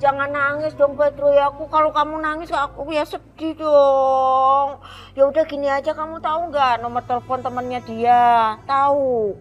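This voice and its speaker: A woman's voice: high voice, little pitch movement, moderate pace, highs cut off, soft background music, lightly acted. An actress playing a fussy, coaxing young woman who shrieks and fake-sobs in a comic soap scene. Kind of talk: comedic soap-opera acting.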